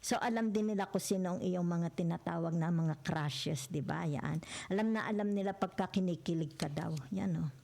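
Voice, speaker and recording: A woman's voice: fairly low pitch, normal speed, creaky, warm tone. A woman with a Filipino accent giving a casual tarot reading, switching freely between Tagalog and English and checking in often with "okay?" and "di ba?". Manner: chatty, peppered with "okay?", "di ba?" and "yan". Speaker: tarot reader.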